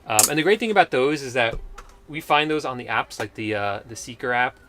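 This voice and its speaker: Bright-voiced man co-hosting a live chat. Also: mid-range voice, fairly quick. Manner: relaxed, reads out viewer comments and answers them. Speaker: co-host reading viewer comments. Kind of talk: casual live-stream chat.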